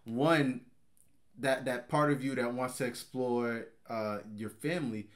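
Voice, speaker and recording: A man speaking as a podcast guest, thoughtful and a bit halting, often restarting his sentences. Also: medium pitch, fairly even intonation. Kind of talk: casual interview chat.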